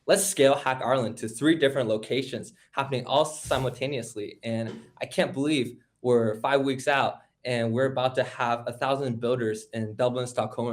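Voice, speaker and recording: Eager teenage guy. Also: mid-range voice. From California. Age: teens. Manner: eager, fast storytelling. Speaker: guest, hackathon organizer. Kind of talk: casual interview talk.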